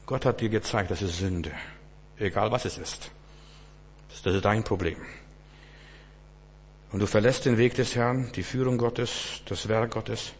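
A man preaching a sermon in church, swinging from hushed low passages to loud, fervent outbursts and often stammering restarts. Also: fairly even intonation, unhurried, long pauses, slight background noise. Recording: long church hall reverb.

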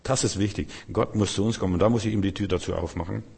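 A man's voice: on the low side, fairly even intonation, fast talker, creaky, a little mellow, slightly rough. A male preacher giving a sermon, firing off repeated rhetorical questions and speaking straight to his listeners in a church hall. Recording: long hall reverb.

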